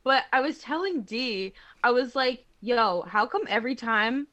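A woman hosting a podcast in casual chat, blunt and quick to swear and laugh. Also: a little high, lively intonation, a bit bright. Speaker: podcast host.

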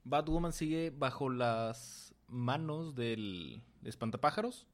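A man co-hosts a casual comic-book podcast. He throws in dry one-liners and then recaps a story plainly. His voice sits at an everyday male pitch. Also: lively intonation, slow pace. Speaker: podcast co-host.

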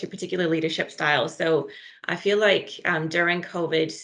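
An enthusiastic woman co-hosting a podcast, running through questions with quick, eager affirmations. Her voice sits a little low and has a gravelly, creaky edge. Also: a bit bright. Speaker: podcast co-host. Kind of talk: casual interview chat.

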